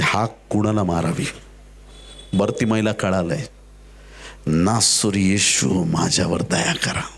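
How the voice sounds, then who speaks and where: A pastor with a mid-range voice preaches a sermon, acting out the characters in his stories, tossing in jokey asides, and building up to loud exhortation.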